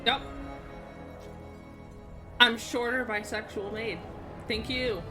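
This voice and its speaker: A woman's voice: on the high side, steady tone, takes it slowly. A woman livestreaming a video game, chatting casually with viewers in a playful, irreverent way. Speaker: livestream gamer. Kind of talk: casual live game stream chat. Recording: loud game music behind. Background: game music and dialogue.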